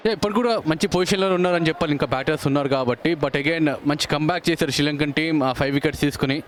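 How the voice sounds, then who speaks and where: A man's voice: a little high, racing. A man with an Indian accent, a co-commentator giving Telugu cricket analysis mixed with English. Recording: live broadcast with clear stadium noise.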